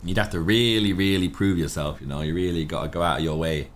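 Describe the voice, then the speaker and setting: A man's voice: deep voice, fairly even intonation, fast, slight background noise. A man role-playing a gang boss in a streamed game, talking bluntly and with authority. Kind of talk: improvised in-character role-play chat. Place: indoor streaming room.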